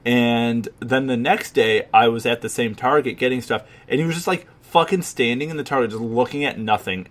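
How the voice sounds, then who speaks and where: A man in his twenties from Chicago, co-hosting a casual podcast chat, rambling and swearing, with lots of fillers. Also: medium pitch. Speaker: podcast co-host.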